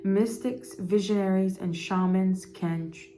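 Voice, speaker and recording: A woman's voice: mid-range voice, steady tone, a little slow, dark tone, soft background music. A woman giving a casual spiritual card reading, meandering and repeating words as she goes. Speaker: intuitive card reader.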